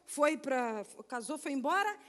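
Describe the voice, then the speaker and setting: A Brazilian woman from Rio de Janeiro with a very high voice tells her conversion story from the pulpit. She brings the people in it to life in her telling and keeps drawing the congregation in. Her voice carries a long church-hall reverb. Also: unhurried. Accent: Brazilian Portuguese, Rio de Janeiro. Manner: animated storytelling, acts out quoted voices, frequent "né?" and "amém?". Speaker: guest missionary speaker. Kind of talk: testimony sermon. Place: church sanctuary.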